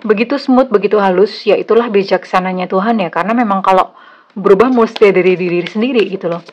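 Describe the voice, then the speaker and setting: A woman's voice: medium pitch, quick pace, dull audio. A woman with an Indonesian accent doing a casual tarot reading for a viewer, chatty and blunt, mixing in English phrases. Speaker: tarot reader.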